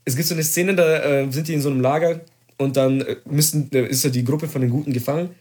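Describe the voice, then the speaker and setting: Young guy, kinda high voice, all worked up telling his story, swears a lot. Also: fast talker. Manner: excited, swearing, vivid storytelling with slang. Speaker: storyteller in casual chat. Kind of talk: casual chat.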